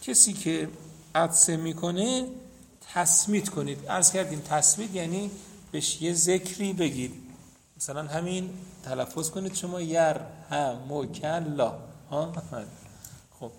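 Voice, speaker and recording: In a seminary hadith lesson, a man with a fairly high, creaky voice recites Arabic narrator chains and explains them step by step to his students. A faint hiss or hum sits under the recording.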